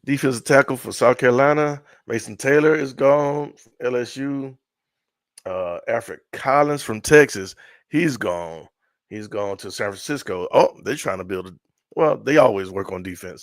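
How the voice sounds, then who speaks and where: A middle-aged man hosting a casual live sports stream, excitable and repetitive, often trailing off mid-sentence. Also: on the low side, no echo, studio quality. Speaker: sports show host.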